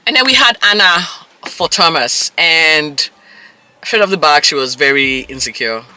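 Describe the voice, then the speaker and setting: Lively, bright-voiced man gossiping through a recap. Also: a little high, unhurried, clear, resonant tone. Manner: animated, gossipy, acts out quoted reactions. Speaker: reality TV recap vlogger. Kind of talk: casual episode recap commentary.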